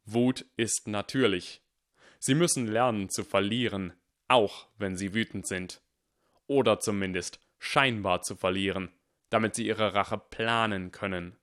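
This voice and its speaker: A man voicing a stern, cunning male teacher who speaks calmly, deliberately and firmly. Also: fairly low pitch. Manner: calm, deliberate and firm.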